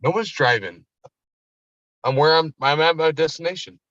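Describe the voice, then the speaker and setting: A man's voice: fairly high pitch, moderate pace, a bit bright, dry recording, highs cut off. A man chatting casually from the passenger seat of a parked vehicle, rambling and swearing freely. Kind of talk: casual chat. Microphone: phone.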